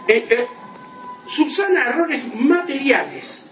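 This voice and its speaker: A man's voice: very high voice, big pitch swings, slow, a bit bright, faint music behind. A male law lecturer, giving a classroom lecture and checking in with "¿sí?" as he explains through examples. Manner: explains with examples, asks "¿sí?" often. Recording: roomy classroom from a distance.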